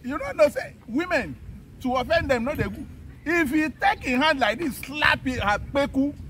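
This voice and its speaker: Excitable nigerian old-timer in a comedy, high voice, really up and down. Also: male voice, moderate pace, slight background noise. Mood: animated, exclaiming. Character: excitable pensioner man reacting to village gossip. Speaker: actor in a comedy series. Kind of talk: African comedy acting, Pidgin English.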